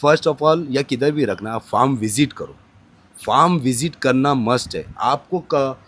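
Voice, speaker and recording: A man's voice: medium pitch, lively intonation, a little slow, fairly bright tone. A man with an Indian accent, a goat farm owner, talking casually in an interview on his farm, emphatic and insistent in short clipped phrases.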